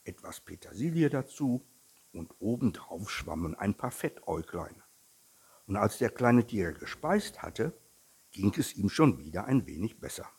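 A man reading a children's story aloud in a slow, expressive manner, with a husky voice. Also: fairly low pitch.

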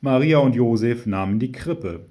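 A man's voice: mid-range voice, animated, normal speed, warm tone, natural voice. A man voicing a patient mother who explains the nativity story to unruly children. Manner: patient explaining, tired sighs.

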